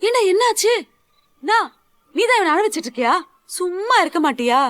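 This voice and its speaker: Caring woman role: high, lively, coaxing, dry close sound, played by a woman in a serial dub. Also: moderate pace, over music. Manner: coaxing, cheerful, soothing. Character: caring woman cheering up a crying young man. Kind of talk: dubbed serial dialogue.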